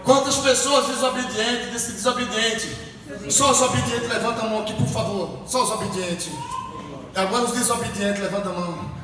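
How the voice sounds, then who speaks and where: A man, a pastor preaching a Pentecostal sermon, telling stories and breaking into shouted exhortation in a church hall. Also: very high voice, fairly even intonation, normal speed, background noise. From Northeast Brazil. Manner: storytelling, bursts into shouted exhortation. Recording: echoey church hall, far from mic.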